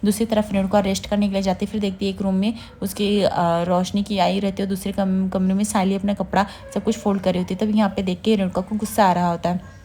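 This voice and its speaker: Rapid-talking woman retelling a serial. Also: medium pitch, flat delivery, warm tone, slight background noise. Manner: rapid, repetitive linking words, brief hesitations. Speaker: serial recap narrator. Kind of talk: casual story retelling.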